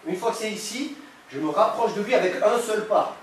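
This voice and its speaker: In a live self-defense class, a man with a high voice talks a little fast, giving directions and regularly asking "okay?" The recording is echoey, captured from a distant camera mic with background noise.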